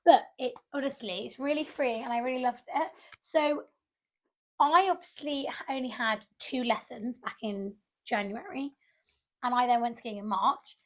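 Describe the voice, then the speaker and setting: A woman's voice: on the high side, moderate pace, fairly bright tone. A young woman, co-hosting a podcast and telling a story with lots of acted-out quotes. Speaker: podcast co-host. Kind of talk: casual chat.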